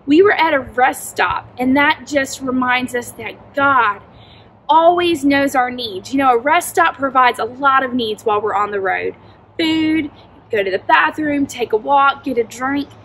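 A woman in her forties teaching a children's Bible lesson outdoors, talking straight to the kids in an animated, expressive way, recorded by a camera a few feet away. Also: high-pitched, a little slow, slight background noise, rough recording. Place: outdoors in a backyard by a tent.

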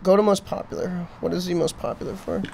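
A man's voice: high voice, fast, creaky, a little mellow. Brief: young male podcast co-host, casual profane banter, faint hiss behind him. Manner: profane, teasing, breaks into mocking put-on voices. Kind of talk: casual comedic chat.

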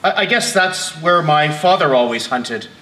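A man playing a defensive father under police questioning on a live stage, answering in halting, stammering bursts. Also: on the high side, lively intonation, pushed and bright. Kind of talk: amateur stage play. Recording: echoey hall.

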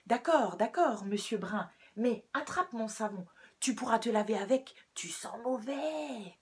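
A woman's voice: on the high side, lively intonation, unhurried, husky, exaggerated voice. A woman voicing a cheeky, squabbling male rabbit in a children's story, firing back mocking, exasperated retorts. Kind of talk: storybook read-aloud for children.

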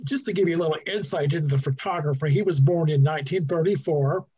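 Middle-aged man, museum docent, chatty and unpolished, husky voice, muffled lo-fi call sound. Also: a little high, fast. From New Jersey. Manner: relaxed, chatty, with fillers and restarts. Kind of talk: guided talk over video call. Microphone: video call. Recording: dull lo-fi video call audio.

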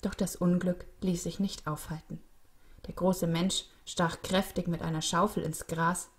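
A woman narrating a children's story in a calm, clear, expressive reading voice. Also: fairly low pitch, a little slow.

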